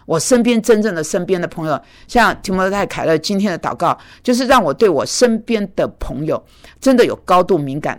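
Blunt scolding woman preacher. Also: on the low side. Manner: blunt, scolding, lively and animated. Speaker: preacher and mentor. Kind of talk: sermon. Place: speaking in Manhattan.

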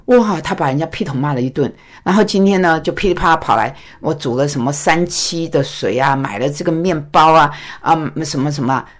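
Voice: medium pitch, a little fast, few pauses. A pastor and teacher giving a recorded talk to a congregation, telling a story with stammered restarts and acted dialogue.

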